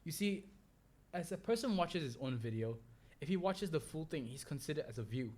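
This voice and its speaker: A man's voice: on the high side, sing-song, brisk, darkish tone. A young man hosting a solo podcast, rambling with fillers and restarts as he talks. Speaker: podcast host.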